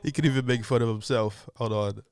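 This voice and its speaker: A man's voice: mid-range voice, steady tone, fairly quick. A man hosting a reaction video, talking in an easygoing way with frequent laughs and restarts. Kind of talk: casual reaction commentary.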